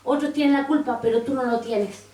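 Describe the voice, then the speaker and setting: A woman pastor preaches a sermon with a high, ringing voice. She reads scripture aloud and turns to the congregation with questions. The recording is roomy and distant, as if caught from across a church. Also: fairly even intonation, brisk, warm tone.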